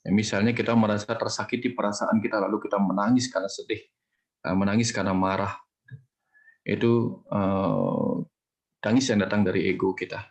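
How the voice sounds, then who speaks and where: A man from Bali giving a calm spiritual talk, explaining things step by step and teaching through parables. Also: on the low side. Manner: measured, explanatory, uses parables. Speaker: spiritual teacher answering questions.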